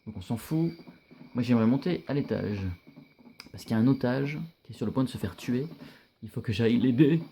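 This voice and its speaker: A young man giving casual, chatty commentary while playing a video game, reacting loudly and swearing often. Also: medium pitch, fairly quick, a little hiss or hum.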